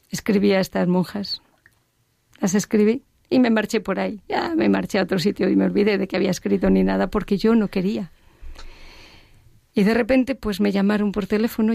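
Earnest woman with a gravelly voice. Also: medium pitch, no room sound, clean studio sound. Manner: earnest, reflective, drops to a hushed whisper at times. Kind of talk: personal faith testimony.

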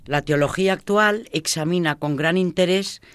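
A man calmly introducing and explaining religious texts on a radio talk. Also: sits high, moderate pace, clean tone, dry recording. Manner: calm, explanatory. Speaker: co-host.

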